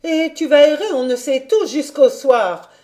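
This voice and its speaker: A woman reading an audiobook voices a stern, indignant governess who scolds a child and raises her voice to shouts. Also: high voice, expressive, unhurried, voice pushed up. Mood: solemn scolding.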